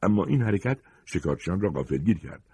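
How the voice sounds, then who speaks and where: A man reading a short story aloud with expressive, dramatic narration. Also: low-pitched, breathy edge.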